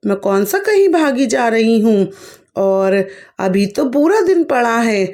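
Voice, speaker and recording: A woman's voice: on the high side, very animated, slow, darkish tone. A woman voicing a scheming, jealous old mother-in-law who scolds her daughter-in-law. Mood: evasive.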